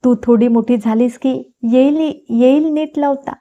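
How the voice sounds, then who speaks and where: A woman's voice: high voice, fairly even intonation, unhurried, dark tone. A woman voicing a polite, cheerful young woman visiting a family. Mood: friendly. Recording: dull lo-fi recording.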